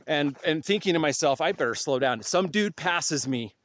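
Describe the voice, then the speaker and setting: A man hosting a podcast, asking questions and telling stories in an animated, laughing way. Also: on the high side, normal speed. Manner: animated storyteller, laughs easily. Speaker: podcast host. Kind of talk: casual interview chat.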